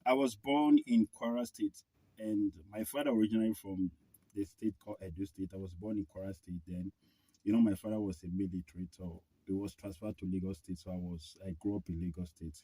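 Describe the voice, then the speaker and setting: A man with a Nigerian accent, a guest musician talking in a relaxed, easygoing way inside a car. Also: sits low, fairly quick, dry recording, poor audio. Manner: laid-back, peppers talk with "you know, bro". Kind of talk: casual podcast chat.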